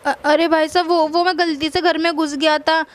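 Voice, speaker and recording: A woman's voice: high-pitched, level tone, moderate pace, close to an everyday voice. A woman voicing a frightened young male thief in a doll story, stammering and begging. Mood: scared.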